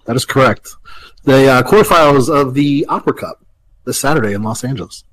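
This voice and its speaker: A man in his late thirties, a professional wrestler, talking in a relaxed, chatty way as an interview guest. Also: mid-range voice, a little fast, poor audio. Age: 30s. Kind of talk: casual interview talk.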